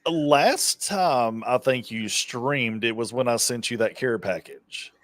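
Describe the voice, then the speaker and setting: A man's voice: mid-range voice, slow, fairly bright tone, dry recording. A man hosting a casual stream chat, laid-back, swearing and laughing often.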